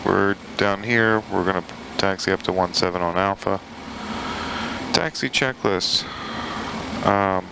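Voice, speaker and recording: A man's voice: on the low side, creaky. A man flying a flight simulator, reading checklists and making pilot radio calls in a procedural, matter-of-fact way. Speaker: flight sim streamer, pilot. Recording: steady aircraft engine noise. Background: simulated turboprop cockpit noise.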